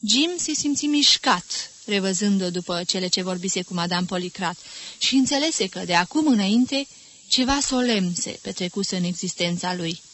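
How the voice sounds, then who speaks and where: A woman's voice: mid-range voice, lively intonation, a bit bright. Woman narrating a literary audiobook. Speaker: audiobook reader.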